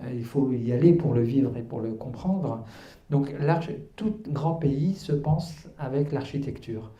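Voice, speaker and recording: A man in his fifties answers questions at a public book presentation, hesitating often and restarting his phrases before pressing his point with conviction. His voice is very dark and mellow, and it rings through a roomy hall. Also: mid-range voice, a little slow, highs cut off. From Algeria, raised in Paris. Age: 50s. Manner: hesitant, many fillers and restarts, earnest. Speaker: author and guest. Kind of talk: public book talk interview. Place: cultural centre hall.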